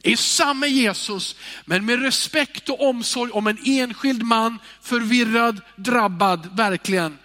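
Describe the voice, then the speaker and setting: A male preacher giving a sermon, moving between loud calls and hushed, sighing near-whispers. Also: extremely high pitch, in a large hall, faint music behind.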